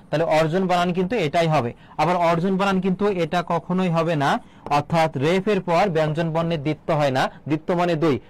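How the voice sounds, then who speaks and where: A man with a fairly high voice teaches an exam-prep class. He fires off questions to his students and answers them himself, with English words slipped in. The recording is dry and close, with no room sound. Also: no echo, poor audio. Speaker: admission coaching teacher. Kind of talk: online exam-prep lecture.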